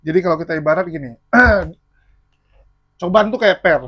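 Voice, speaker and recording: A male interviewer chiming in with brief supportive remarks and quick explanations in casual talk. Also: high-pitched, expressive, fairly bright tone, husky.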